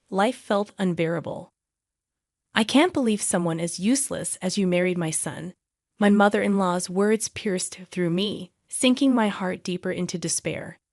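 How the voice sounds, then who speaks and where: A woman reading a scripted first-person drama story in an even, measured way. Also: mid-range voice, dry recording, clean studio sound.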